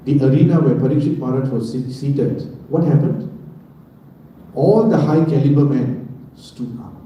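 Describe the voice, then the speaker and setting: Guy giving a sermon, dark mellow voice, far off mic in a big echoey room. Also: medium pitch, a little hiss or hum. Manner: asks the audience questions and answers them himself. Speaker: preacher giving a scripture class. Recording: roomy, distant room recording.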